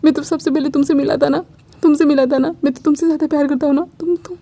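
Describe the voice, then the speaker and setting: A woman's voice: sits high, steady tone, fast talker, mellow. Wing, a tearful clingy young lover, as a woman tells it. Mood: distraught. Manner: pleading with stammered repeats. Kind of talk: fan fiction storytelling.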